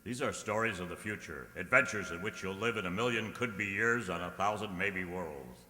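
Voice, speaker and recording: Man as deep, forceful sci-fi radio announcer. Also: normal speed, slight background noise. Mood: portentous. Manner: dramatic, portentous. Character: booming old-time science fiction radio announcer. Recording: echoey reverberant hall.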